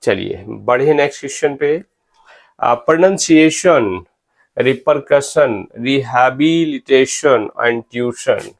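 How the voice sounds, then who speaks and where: Male tutor, unhurried lecture, spells words out one letter at a time, keeps asking "clear?". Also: medium pitch. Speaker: English teacher. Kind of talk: spelling lecture in Hindi mixed with English.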